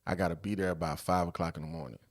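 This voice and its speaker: Chill guy w a lowish voice spinning a story on a podcast, lots of slang. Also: fairly even intonation, fast. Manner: laid-back, loose slang, tells stories. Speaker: podcast host. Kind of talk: casual storytelling chat.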